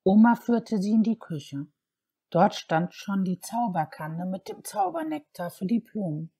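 A woman narrating a children's audiobook in calm scripted storytelling. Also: mid-range voice, measured pace, slightly rough.

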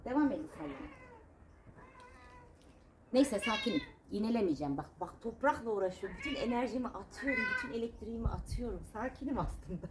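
A Turkish woman in her thirties talking casually while she works in her home garden, sharp-tongued and indignant, then chatty. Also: fairly high pitch, big pitch swings, a little fast, background noise. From Turkey. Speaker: vlogger.

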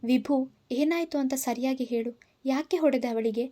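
A woman's voice: high voice, normal speed, mellow. A woman voicing a worried middle-aged mother who asks anxious questions, in a storybook reading.

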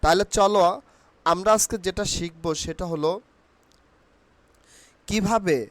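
A man leads a spoken pronunciation lesson, asking a question and answering it himself again and again. His voice sits high and he talks at an unhurried pace. The sound is close and dry, with no room echo. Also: a bit bright. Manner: repeats words in call-and-response drills, asks and answers himself; mixes Bengali with English words. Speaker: English pronunciation teacher. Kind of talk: casual spoken lesson with drills.

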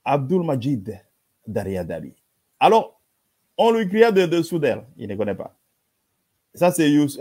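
Man, commentary host, emphatic and repetitive, mellow and warm voice. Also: medium pitch, husky. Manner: emphatic, repetitive, with dismissive "bla bla". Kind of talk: polemical commentary reading translations.

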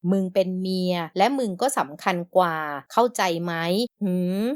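A woman voicing a blunt, deadpan young man who teases and bosses his lover with crude, flat talk. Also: high-pitched, moderate pace, no echo, studio quality, close to an everyday voice.

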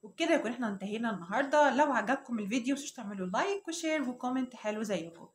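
A woman teaching English pronunciation with an Egyptian Arabic accent, repeating each word slowly and carefully. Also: fairly high pitch, expressive, echoey room. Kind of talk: children's English lesson.

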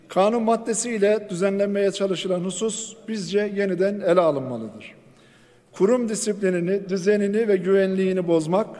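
A man's voice: high voice, warm tone. Formal man speaking at a rostrum microphone. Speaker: member of parliament giving a speech. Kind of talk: formal parliamentary floor speech. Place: large parliament chamber. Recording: long reverb of a large chamber.

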